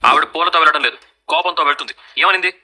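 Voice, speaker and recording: An actor playing a hot-headed young husband, angry and commanding, in a TV serial. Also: male voice, fairly high pitch, fast talker, bright, forceful tone. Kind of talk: TV serial acting.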